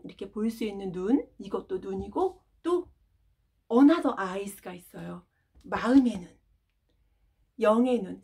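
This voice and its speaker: Slow, husky woman telling children a sermon. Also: mid-range voice. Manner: animated, emphatic storytelling with questions to children. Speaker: children's Sunday school preacher.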